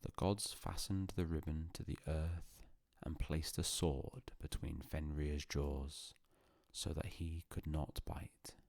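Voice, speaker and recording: Male sleep-story narrator: gravelly, close and dry, calm, solemn, hushed delivery with long pauses. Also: extremely low pitch, no echo.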